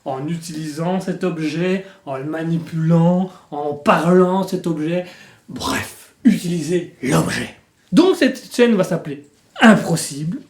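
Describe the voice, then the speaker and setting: A man's voice: on the high side, measured pace, darkish tone. Rambling self-mocking man, echoey room. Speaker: channel host. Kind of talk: comic improv vlog. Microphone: facing the camera.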